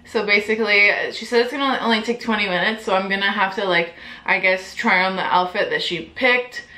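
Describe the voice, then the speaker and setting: A woman's voice: medium pitch, brisk, bright, forceful tone. Giggly, chatty young woman in an echoey room. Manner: chatty, giggly, peppered with "like" and swearing. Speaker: vlogger. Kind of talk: casual chat to camera.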